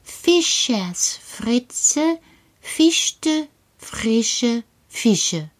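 A woman voicing a cheerful little male creature living in an earth cave, speaking slowly and patiently and often dropping to a whisper. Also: high-pitched, lively intonation, a little mellow. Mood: patient coaching.

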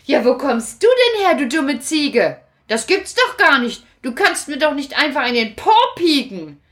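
An excitable puppet jester boy, acted by a woman tells his tale eagerly in a storybook. His voice sits high and leaps around, drawn out slowly. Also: heavily acted. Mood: indignant.

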